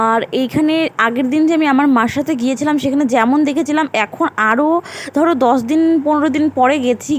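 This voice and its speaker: A woman's voice: high-pitched, slight background noise. A young woman, a mother chatting casually to her viewers in a home vlog. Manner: chatty, talks straight to viewers. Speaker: vlogger mother.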